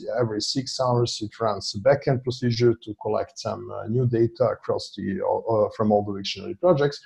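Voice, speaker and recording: A Serbian-speaking data scientist walks an online meeting through a dashboard on his shared screen, with frequent fillers and restarts. His voice is mid-range and slightly mellow, heard through a video-call microphone.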